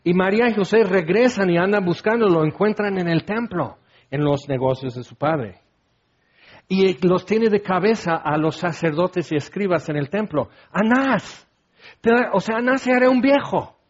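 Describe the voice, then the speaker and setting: High-voiced guy preaching, acts out the voices and gets loud, kinda muffled recording. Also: moderate pace. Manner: animated, acts out biblical voices with shouts. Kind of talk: sermon. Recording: dull lo-fi sound.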